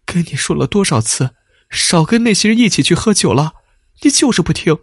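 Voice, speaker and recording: A man's voice: high-pitched, big pitch swings, moderate pace, breathy edge, dry recording, studio quality, pitched above the performer's own voice, heavily acted. A man voicing a worried wife who scolds her injured husband in a raised, nagging voice. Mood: scolding.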